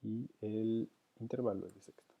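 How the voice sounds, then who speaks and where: Thinking aloud through counterpoint, a music teacher speaks at normal speed in a steady, fairly low voice that is dark, slightly rough, and full of vocal fry. He hesitates often, with fillers and restarts, on a dull lo-fi recording.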